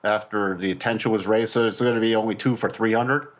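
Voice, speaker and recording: A man co-hosting a finance podcast, talking in a loose, halting way and sometimes breaking into animated mock voices. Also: fairly low pitch, lo-fi sound. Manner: hesitant restarts, jumps into animated mock voices. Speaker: podcast co-host. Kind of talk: casual podcast chat.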